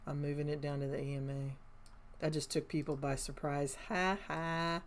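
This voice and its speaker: A middle-aged woman, commenting casually on her live trades, chatty and excitable, swearing and laughing at her own moves. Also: low voice, brisk, heavy background noise. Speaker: day trader livestreaming.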